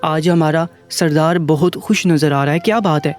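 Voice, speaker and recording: An older patriarch with a relaxed, light manner, read by a man narrator. The voice stays slightly high and untouched by age effects. Soft music sits faintly behind. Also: natural voice. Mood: easygoing. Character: elderly grandfather, family patriarch, easygoing.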